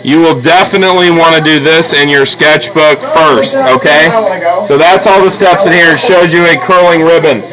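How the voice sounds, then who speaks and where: A man teaches drawing in a busy school classroom, speaking at a moderate pace in a fairly high-pitched voice. He's informal and encouraging, guiding students while demonstrating, and the low-quality recording is full of student chatter.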